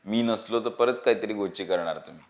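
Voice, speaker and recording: A man's voice: on the low side, fairly quick, close to an everyday voice. A man reading the part of a cocky young man who plans the job, self-assured and lecturing. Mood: confident.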